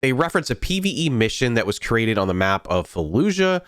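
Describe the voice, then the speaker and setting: A man hosting a game update video, sounding nasal from a head cold, talking in a steady, thoughtful way. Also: mid-range voice, brisk, smooth, no room sound, clean studio sound. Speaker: gaming video host. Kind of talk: scripted game update commentary.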